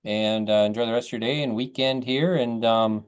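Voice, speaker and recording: A man's voice: mid-range voice, normal speed, smooth. A man hosting a casual community interview program, with an informal, folksy way of talking. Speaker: host of a local chat program.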